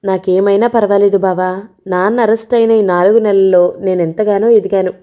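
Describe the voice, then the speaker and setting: A woman voicing an ill young woman who speaks softly, pleading and resigned. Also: mid-range voice, steady tone, brisk, close to an everyday voice. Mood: weary pleading. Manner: soft, pleading, weary.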